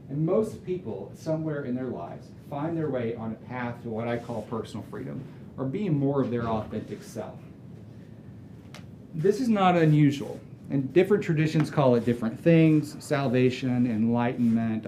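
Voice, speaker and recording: A man's voice: mid-range voice, mellow, slight background noise. A man and author giving a conversational, earnest motivational talk to a room of agents, working through lists of ideas. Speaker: speaker and author.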